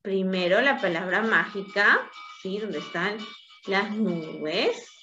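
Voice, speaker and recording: Woman teacher talking real slow to little kids, checks in every few words, muffled lo-fi sound, bit of music behind. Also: mid-range voice, bright, forceful tone. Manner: coaxing, asks "¿sí?" after nearly every phrase. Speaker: preschool teacher. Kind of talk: slow, patient lesson for young children. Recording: dull lo-fi recording with faint music.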